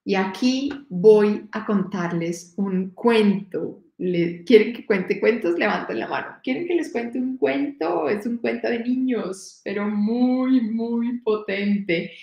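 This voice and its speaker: A woman giving a live-streamed motivational talk, animated and addressing her audience directly, with stories. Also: medium pitch, unhurried, vocal fry, roomy sound, dull audio. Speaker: motivational speaker.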